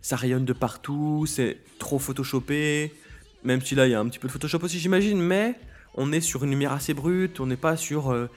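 A man's voice: a little high, a little fast. A man hosting a podcast in casual solo talk, hesitant, with many fillers and restarts. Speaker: podcast host.

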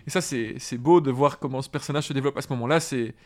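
A man's voice: medium pitch, darkish tone. A man hosting a casual book discussion, talking enthusiastically and reading passages aloud. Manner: enthusiastic, halting restarts. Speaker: podcast host and reader.

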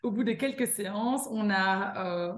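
A woman's voice: medium pitch, measured pace. A woman with a Belgian French accent, a guest author and yoga teacher chatting casually in an interview, with many fillers and restarts.

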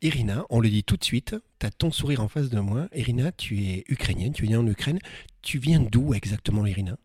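A man's voice: medium pitch, lively intonation, brisk, darkish tone, husky, dry recording, studio quality. A man hosting an interview, enthusiastic and encouraging, asking his guest about her path. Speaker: interview host. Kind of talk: conversational interview.

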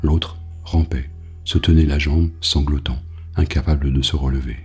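A man reading a novel aloud as an audiobook narrator, in a grave, measured way. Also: rumbling low, steady tone, a little mellow, breathy edge, soft background music.

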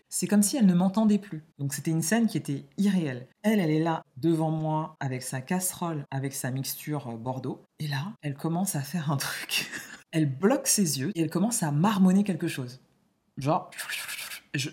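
A woman host telling her own personal story to listeners, acting out the dialogue vividly. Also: deep voice. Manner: animated, vivid retelling with quoted dialogue. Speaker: podcast host.

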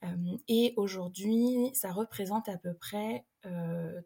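A woman's voice: mid-range voice, slow pace, creaky, warm tone, slightly rough. Young adult woman, recruiter, interview guest, casual, hesitant, lots of filler sounds.

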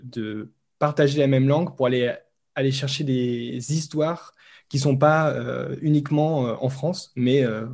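A young man speaks spontaneously as an interviewed researcher, thinking aloud with frequent pauses and hesitations. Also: medium pitch, darkish tone. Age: young adult. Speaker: young researcher and podcast co-host, interview guest.

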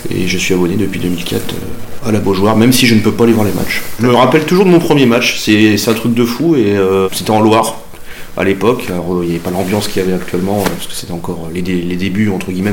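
A man's voice: sits low, a little hiss or hum. A man in his forties, an interviewee speaking casually and hesitantly, with many fillers. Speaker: interviewee, football fan. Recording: roomy with faint ambience.

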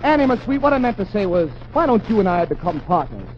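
An actor playing an eager, naive, scheming boat owner who stammers and repeats himself in an old-time radio comedy. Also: male voice, sits high, big pitch swings, fast talker. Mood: wooing. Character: excitable, naive boat-owner sidekick, silver-tongued schemer. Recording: dull, very noisy vintage radio recording.

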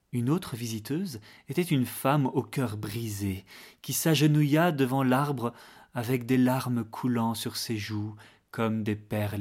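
A man reading a fairy tale aloud in a slow, unhurried, gentle manner. His mid-pitched voice stays calm and measured, and at moments it drops to a near-whisper. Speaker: storyteller. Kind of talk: scripted fairy-tale narration.

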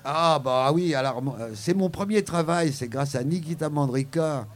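An older man telling anecdotes as an interview guest, lively and full of fillers and hesitations. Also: fairly high pitch, normal speed. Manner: animated storyteller, many fillers.

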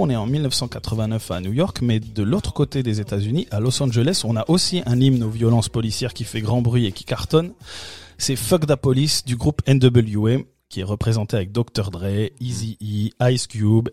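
A French man presenting a film segment in a casual radio chat, halting often with fillers and restarts. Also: medium pitch, darkish tone. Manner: hesitant, many fillers and restarts.

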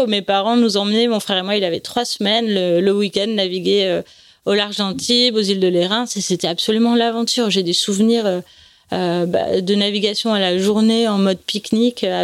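Relaxed woman in her forties, dry sound. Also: medium pitch, dry recording. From France. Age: 40s. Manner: explains at length in a relaxed, conversational way. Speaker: guest, offshore sailor. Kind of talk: casual interview conversation.

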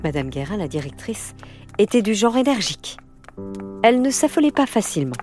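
A woman reading a children's novel aloud in a measured, expressive narration. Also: mid-range voice. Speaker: audiobook narrator. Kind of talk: scripted storybook narration. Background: faint music.

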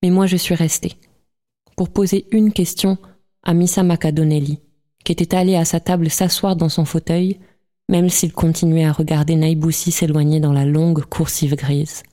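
A woman reading a novel aloud as an audiobook in a calm, measured way. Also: deep voice. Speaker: audiobook reader. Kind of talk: scripted literary narration.

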